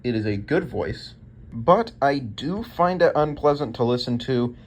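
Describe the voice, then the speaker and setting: A man's voice: medium pitch, expressive, measured pace, lo-fi sound. A man hosting a video, giving casual scripted ranking commentary. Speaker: video host.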